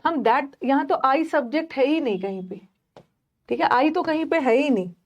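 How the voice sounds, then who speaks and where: A woman's voice: sits high, lively intonation, normal speed. A young woman teaching an English grammar class, chatty and talking straight to her students with many fillers and restarts. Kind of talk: online class lecture.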